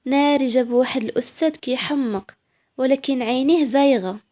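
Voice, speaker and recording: A woman's voice: high voice, brisk, dark tone, lightly acted. A woman voicing a chatty, teasing young female college student with a Moroccan accent. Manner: teasing, gossipy.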